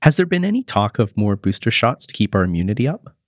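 A man's voice: on the low side, big pitch swings, fast, no echo, studio quality. A man hosting a news podcast, asking a guest short, plain questions about the week's headlines. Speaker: podcast host.

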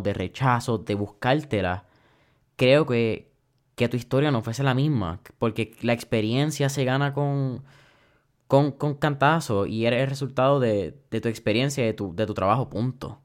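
A man's voice: medium pitch, a little slow. A man hosting a casual interview, friendly and reflective, with local slang. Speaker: interviewer, host.

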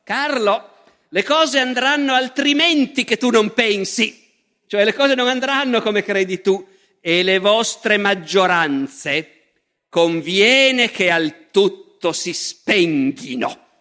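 A defiant medieval shoemaker warns a rich man in emphatic, threatening words, as a lecturer acts him out. The voice is high and bright, with long reverb from a large hall. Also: takes it slowly, exaggerated voice.

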